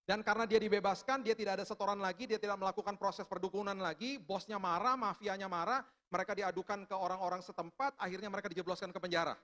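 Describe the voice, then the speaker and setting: A middle-aged man preaching a sermon as pastor, telling a story and swinging from hushed lines to shouted ones. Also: high-pitched.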